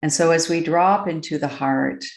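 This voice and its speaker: A woman with a low, creaky voice guides an unscripted meditation at a slow pace. She speaks gently and deliberately, with long pauses, and the room sounds echoey. She is a guided meditation coach.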